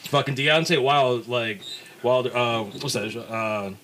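Bright-voiced young frat-bro man hosting. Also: mid-range voice, takes it slowly, slight background noise. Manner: frat-bro slangy, swearing. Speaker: podcast host. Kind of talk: casual profane sports chat.

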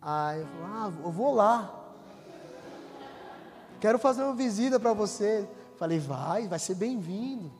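A pastor with a notably high voice preaches to his congregation, slipping into the voices of the people in his stories. His words ring out in a long-echoing church hall. A guitar plays faintly underneath. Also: animated, unhurried, pauses often, darkish tone. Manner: preaches with rising intensity, acts out quoted dialogue. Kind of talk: sermon.

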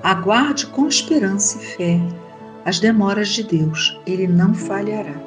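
A woman reads a Gospel passage and leads a spoken prayer in a slow, reverent, prayerful way. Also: mid-range voice, expressive. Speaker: devotional reader and prayer leader. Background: soft new-age music.

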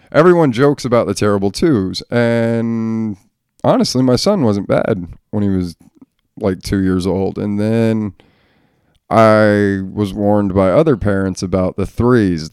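A man's voice: lowish voice, creaky, darkish tone, clean tone, dry recording, clean studio sound. A man hosting a casual solo podcast, a father talking in a blunt, profane, ranting way. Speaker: podcast host.

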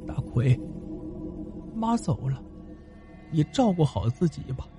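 A man voicing a heartbroken widowed mother in a folk tale, speaking softly with sighs and a weepy tone. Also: a little high, big pitch swings, slow pace, music in the background, voice pushed down. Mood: sorrowful. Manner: soft, sighing, weepy.

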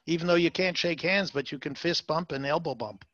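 A man's voice: fairly high pitch, brisk, fairly bright tone, no echo, lo-fi sound. A man being interviewed as a salon marketing consultant, talking emphatically with many fillers and repeated words. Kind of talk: interview, advice talk.

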